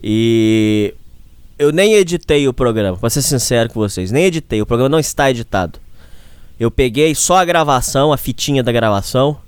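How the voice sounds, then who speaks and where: A man's voice: medium pitch, lively intonation, fairly quick, clean tone, no room sound. A hungover man with a Brazilian accent hosts a casual podcast monologue, full of repetitive, tongue-in-cheek macho bravado. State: hungover, with a headache. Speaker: show host.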